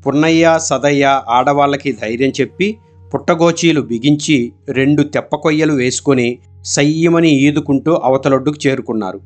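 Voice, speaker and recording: A male narrator reads a village story aloud in a steady, expressive audiobook style. His voice sits at an ordinary middle pitch, and soft music plays faintly underneath the narration.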